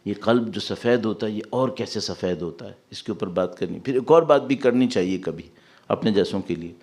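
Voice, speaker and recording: Animated preaching male cleric. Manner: animated preaching, rising to emphatic peaks and dropping to soft low asides; mixes English words into his preaching and recites Arabic verses slowly. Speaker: Shia cleric giving a Muharram majlis. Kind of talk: sermon.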